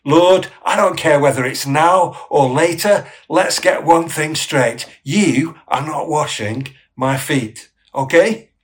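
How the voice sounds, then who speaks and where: A man's voice: medium pitch, very slow, pauses often. A man preaching and voicing a blunt, impetuous fisherman disciple who protests emphatically. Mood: indignant.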